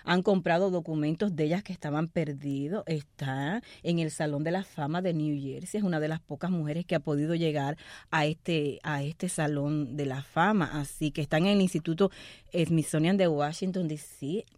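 A woman with a slightly low voice tells a history story on a talk show. She is lively and chatty and keeps turning to the listeners with little asides. The sound is close and dry, with no room around it. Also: normal speed, dry recording. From Cuba.

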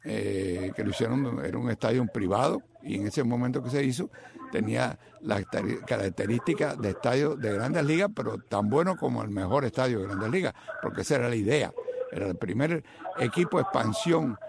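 A man's voice: mid-range voice, animated, fairly quick, creaky, crowd noise. An older man from Cuba with a Cuban accent, chatting casually and rambling through stories with many asides. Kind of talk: casual chat.

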